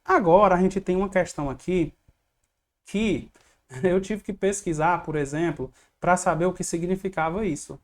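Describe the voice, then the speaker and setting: A woman's voice: lowish voice, normal speed. A woman teacher walking students through exam questions in an online review lesson, explaining step by step and checking in often. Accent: Brazilian Portuguese.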